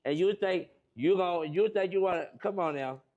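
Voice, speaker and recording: Playful young man, slightly high voice. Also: moderate pace, darkish tone, dull audio.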